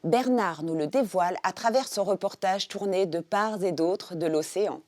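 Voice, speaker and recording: A woman's voice: fairly low pitch, normal speed, a little mellow, dry recording. A woman presenter introducing a news report in a read-aloud delivery.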